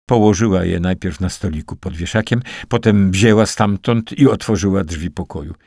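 A man narrating a wartime spy novel as an audiobook in a steady, dramatic reading. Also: low voice, normal speed, gravelly, no echo, studio quality. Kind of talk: scripted narration.

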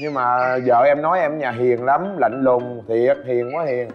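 A man's voice: mid-range voice, measured pace, lo-fi sound, faint music behind. A man hosting a TV game show, playful and teasing with the guests. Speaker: TV show host.

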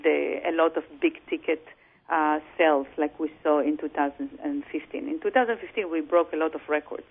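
A woman real estate broker and coach talking over the phone in an interview, measured and full of "you know" fillers. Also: low voice, steady tone, husky. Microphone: telephone. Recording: tinny phone line.

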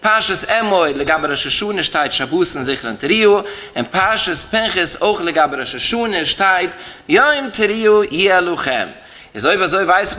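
Male rabbi, Yiddish accent, lecture chant with rising and falling lines, bright voice. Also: sits high. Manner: rising and falling chant, stresses key terms, repeats phrases. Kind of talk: Talmudic lecture in a singsong study chant.

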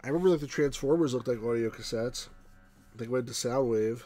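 A middle-aged man hosts a let's play with casual commentary. His voice sits at an average pitch, recorded in a room at home. Game music plays faintly behind him. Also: fairly quick, dark tone. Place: small room at home, indoors.

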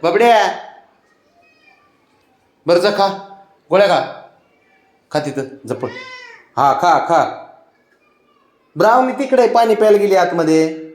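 A man's voice: high-pitched, expressive, slow pace, pauses often. Man coaxing his cat in sing-song tones. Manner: coaxing, teasing, repeats questions, chuckles often. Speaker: pet owner talking to his cat. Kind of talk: casual baby-talk to a pet.

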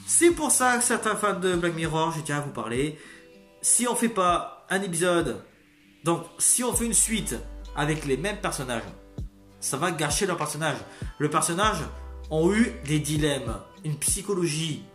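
Excitable male reviewer who rambles and curses, recorded in a roomy space with soft music under him. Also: fairly high pitch, unhurried. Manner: rambling, excitable, swears freely. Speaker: video critic. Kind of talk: casual spoken review. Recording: roomy echo, faint music behind.

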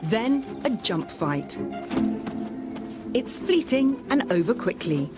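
A woman's voice: a little high, sing-song, takes it slowly, loud music behind the voice. A woman reading scripted narration for a nature documentary.

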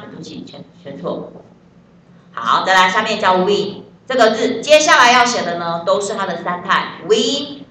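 A woman's voice: medium pitch, pushed and bright, echoey room, distant mic. A woman with a Taiwanese Mandarin accent teaching an English class, chatty and joking, spelling words out letter by letter. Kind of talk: classroom lesson.

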